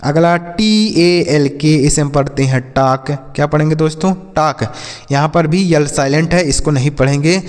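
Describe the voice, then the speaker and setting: Male language teacher, slow and drilled, slightly high voice, long reverb around him. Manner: slow, repetitive teaching with questions to viewers. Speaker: English teacher. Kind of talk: Hindi-language English vocabulary lesson.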